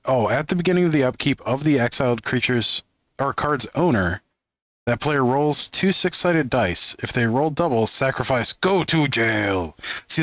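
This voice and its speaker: A man's voice: mid-range voice, fairly bright tone, dry recording. Amused man reading cards aloud. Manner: amused, chuckles often while reading. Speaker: card-opening channel host. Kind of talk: casual reading of card text.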